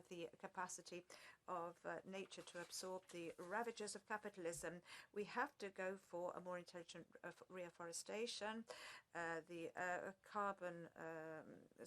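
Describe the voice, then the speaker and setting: Woman in a committee debate, hesitant, low voice, flat delivery. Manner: hesitant, full of fillers. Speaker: committee member. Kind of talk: political statement in debate.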